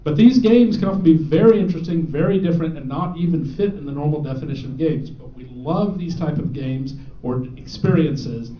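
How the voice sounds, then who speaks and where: A man's voice: a little high, a little fast, few pauses. A man presenting student game awards to a live audience, joking and teasing as he reads out the winners. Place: event hall with an audience. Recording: echoey, dull hall recording.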